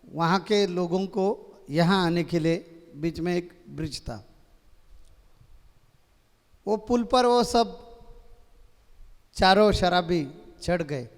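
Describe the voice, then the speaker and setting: Slow, high-voiced male spiritual storyteller. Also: big-room sound. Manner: slow, halting, repetitive storytelling. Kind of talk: devotional discourse with parable.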